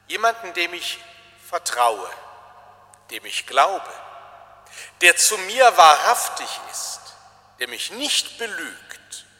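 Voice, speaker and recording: Slow, bright-voiced male preacher. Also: fairly high pitch. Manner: slow, deliberate and emphatic. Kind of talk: reflective sermon. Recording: long hall reverb.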